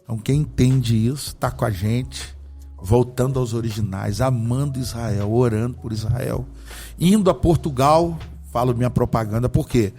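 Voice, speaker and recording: Brazilian pastor guy preaching hard, mellow dark tone, faint music under him. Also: mid-range voice, normal speed. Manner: fervent, emphatic, often asks rhetorical questions. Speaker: apostle, pastor guest. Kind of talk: religious conversation with preaching.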